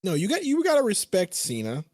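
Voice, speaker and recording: Casting: male co-host, slightly higher voice, dry close mic, slangy laid-back chatter. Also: wildly swooping pitch, brisk, darkish tone, no echo. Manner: laid-back, slangy, ends lines with "bro". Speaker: podcast co-host. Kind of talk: casual live game reaction chat.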